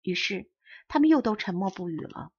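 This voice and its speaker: Husky woman reading a children's story. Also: medium pitch, normal speed, dry recording. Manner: clear, even storytelling. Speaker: audiobook reader. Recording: dull lo-fi recording.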